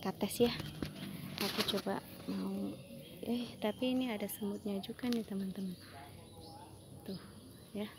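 A woman's voice: medium pitch, fairly even intonation, moderate pace, pauses often, noisy background. A woman vlogging outdoors with her pet squirrels, coaxing them in a giggly, sing-song voice and calling their names over and over. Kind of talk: casual vlog, coaxing pets. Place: outdoors by a tree in the morning.

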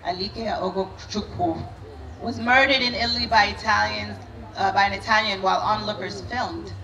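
A woman's voice: mid-range voice, steady tone, bright, forceful tone, muffled recording. A woman, giving an earnest prepared speech at a podium during an outdoor ceremony. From Sudan. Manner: earnest, measured public address. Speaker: organization CEO giving a speech. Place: outdoor event stage. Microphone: podium microphones.

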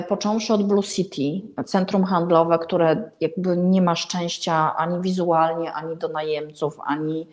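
Speaking in a lowish, slightly mellow voice, a middle-aged Warsaw woman reviews something informally to camera for her art and architecture vlog. She hunts for words and stresses key ones emphatically, filmed in a small room with paintings and a bed.

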